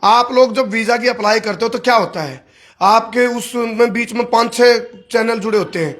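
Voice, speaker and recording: A Haryanvi-accented interviewer, talking in a folksy, chatty way and nodding along with short affirmations. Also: male voice, very high voice, moderate pace, fairly bright tone. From Haryana, India.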